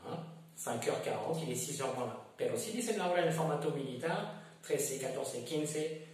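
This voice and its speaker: A man teaching French to Spanish speakers, explaining slowly and repeating each example, switching between French and Spanish. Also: medium pitch, expressive, a little mellow. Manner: slow, repetitive explaining, mixing French and Spanish. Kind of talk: bilingual classroom lesson. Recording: echoey room from far off.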